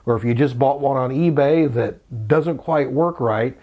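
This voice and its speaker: With narrow, tinny audio and background music, a middle-aged man hosts a casual tutorial for his vintage electronics channel. In an unhurried, medium-pitched voice, he lays things out plainly, step by step.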